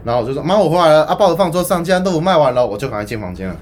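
A man with a Taiwanese Mandarin accent telling a childhood story in casual chat, animated, acting out quotes and laughing often. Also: on the high side, very fast, a crowd in the background.

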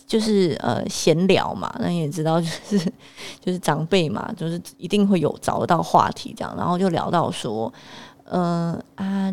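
Exasperated young woman storyteller. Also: mid-range voice. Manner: animated, exasperated anecdote-telling. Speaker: vlogger. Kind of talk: storytelling to camera.

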